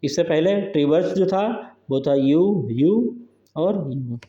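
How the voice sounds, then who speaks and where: A man's voice: on the high side, expressive, takes it slowly, dark tone. A man teaching English poetry meter for exam preparation, who repeats each term and keeps checking in with his students. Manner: repetitive, drills terms aloud, says "ठीक है दोस्तों" often. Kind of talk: exam-prep lecture. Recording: echoey room, dull lo-fi sound.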